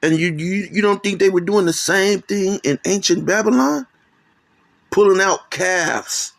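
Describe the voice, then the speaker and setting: A man's voice: sits high, normal speed, creaky, no room sound. A man hosting a religious commentary on videos, rambling and often checking in with "man" and "okay?". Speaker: channel host.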